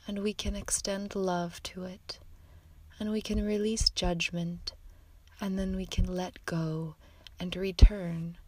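A woman guides a meditation at an unhurried, drawn-out pace, her soft and soothing voice slipping often into breathy whispers. Her pitch sits a little low for a woman. The sound is close and dry, with no room echo. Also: level tone.

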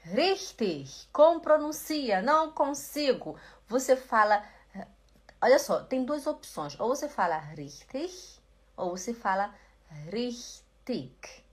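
A woman teaching German pronunciation in a live online lesson, slowly and patiently repeating words so that her students can copy them. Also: sits high, expressive.

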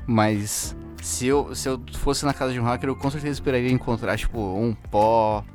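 A man's voice: medium pitch, moderate pace, a little mellow. A Brazilian man in casual chat, peppering his talk with street slang and tag words. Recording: music playing under the voice.

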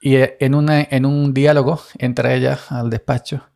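A man's voice: medium pitch, little pitch movement, moderate pace, vocal fry, darkish tone. A man from Andalusia, talking casually on his own podcast in a rambling, self-deprecating way with many fillers and restarts. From Andalusia, Spain. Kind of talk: casual solo podcast monologue.

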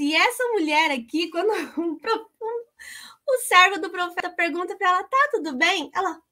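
A woman's voice: sits high, fairly bright tone. A woman talking casually about a Bible story and her own life, chatty and emotional, calling her listeners "gente". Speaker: co-host.

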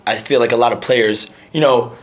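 A young man hosting a podcast, talking casually with lots of fillers and quick agreeing interjections. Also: mid-range voice, fairly even intonation. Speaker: podcast host. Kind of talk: casual chat.

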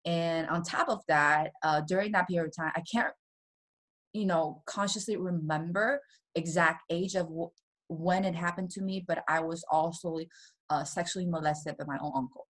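A woman from Taiwan talks as an interview guest, telling her own story. Her voice sits a little low and she speaks softly. Nervous laughs break into her telling. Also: moderate pace. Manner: soft-spoken, laughs nervously between painful memories.

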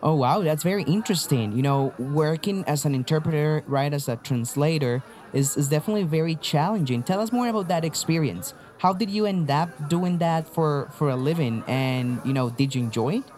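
A man's voice: a little high, expressive, fairly quick, few pauses, darkish tone. A man hosting an interview podcast, upbeat and encouraging, often saying "you know". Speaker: podcast host, faculty manager.

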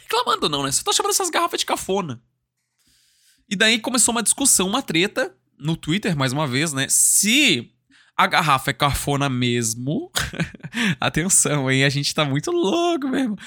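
A man from Brazil hosts a casual solo podcast, talking in a lively, swooping way and swearing freely. His voice is bright and forward, recorded close and dry. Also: high voice, normal speed, no room sound. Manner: animated, laughing, swearing freely. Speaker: podcast host.

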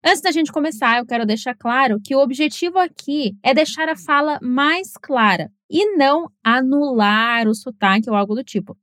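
Brazilian-portuguese-native woman teaching english, high bright voice, upbeat and encouraging, dry mic. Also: dry recording. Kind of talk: scripted lesson narration.

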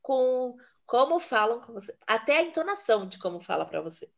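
Woman, higher pitch, casual and chatty, laughs easily. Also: sing-song, gravelly. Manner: chatty and laughing, quick asides. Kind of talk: casual chat.

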